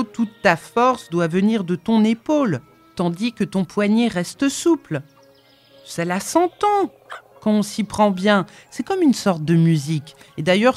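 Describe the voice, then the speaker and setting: A stout old blacksmith teacher, voiced by a woman narrator, calm and firm as he instructs. His lines come slow and measured, with lively pitch movement. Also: lightly acted. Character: stout, patient old male blacksmith mentor.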